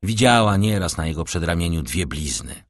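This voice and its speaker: A man narrating a classic novel as an audiobook, in a measured, dramatic reading. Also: deep voice, animated, dry recording, clean studio sound.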